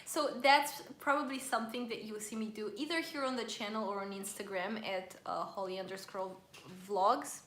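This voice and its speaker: A woman's voice: medium pitch, steady tone, moderate pace, few pauses, fairly bright tone, a little hiss or hum. Chatty woman vlogger in a roomy space. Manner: chatty, reads viewer comments aloud. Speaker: vlogger hosting a live stream. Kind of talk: casual live-stream chat while eating.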